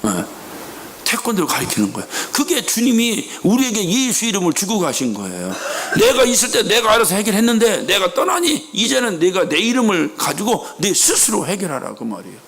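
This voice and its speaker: A middle-aged male pastor delivers an emphatic church sermon, firing rhetorical questions and acting out little quoted scenes. His voice sits very high for a man and swings widely in pitch. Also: a little hiss or hum. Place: church sanctuary.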